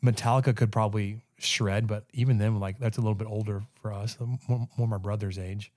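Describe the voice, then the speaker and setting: A man of thirty-five co-hosting a sports podcast, telling stories in casual chat with quick stammering restarts. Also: on the low side, dry recording, clean studio sound. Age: 30s. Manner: animated storyteller, stammering restarts. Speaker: podcast co-host.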